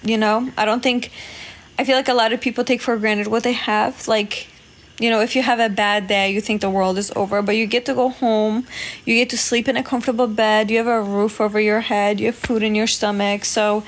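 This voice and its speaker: Speaking fairly quickly in a slightly high voice with little pitch movement, a Polish woman hosts a relaxed livestream. She reads viewer comments, thanks people and laughs often.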